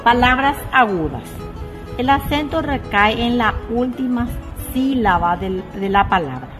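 A woman teaching a lesson, measured and repeating key points, dropping her voice on examples. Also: a little high, expressive, over music. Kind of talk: slow classroom explanation.

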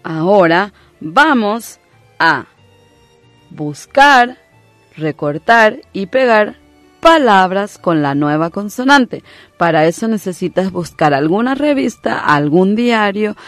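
Slow, patient radio teacher. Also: medium pitch, dry recording. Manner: spells out letters and syllables slowly and repeats them. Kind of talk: slow, patient phonics lesson for children.

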